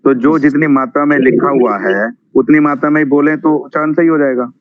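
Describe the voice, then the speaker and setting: A man's voice: on the high side, brisk, no echo. A male student speaks respectfully in an online class, asking questions and working through ideas aloud. His voice comes through a dry, tinny, phone-like line. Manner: respectful, addresses teacher as gurudev, thinks aloud.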